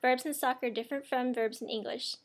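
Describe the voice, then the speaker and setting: A woman teaching a language lesson, saying each word slowly and deliberately, every word twice. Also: high-pitched, steady tone.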